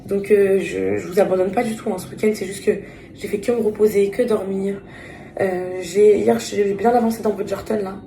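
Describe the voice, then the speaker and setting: A woman's voice: medium pitch, fairly even intonation, moderate pace, vocal fry, warm tone. Tired woman vlogging from home. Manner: chatty, addresses viewers fondly, trails off with fillers. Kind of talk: casual chat to camera.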